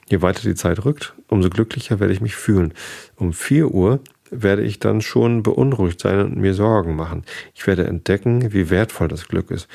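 A man's voice: low voice, creaky. A wise, wistful fox, voiced by a man reading aloud. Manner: gentle, thoughtful storybook reading.

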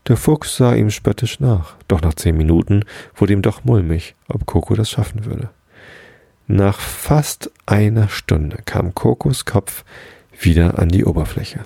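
A man hosting a podcast, calmly reading a bedtime story aloud on a close mic. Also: on the low side, measured pace, creaky, slightly rough, no room sound. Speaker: podcast host and story reader.

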